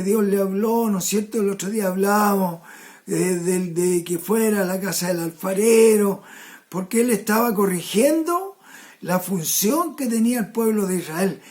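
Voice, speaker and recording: Slow-paced woman preaching a sermon. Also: mid-range voice, a little mellow. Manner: slow, repeats "¿ya?" and "hermano" to the congregation; restarts and repeated words.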